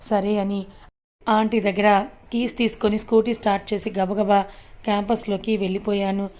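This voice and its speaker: A woman reading a first-person story aloud as an audiobook narrator, steady and unhurried. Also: mid-range voice.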